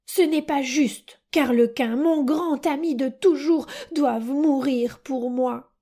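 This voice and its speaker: A woman voicing a young wooden puppet boy in an audiobook, high and pleading. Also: slow, dark tone. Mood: heroic. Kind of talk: audiobook character reading.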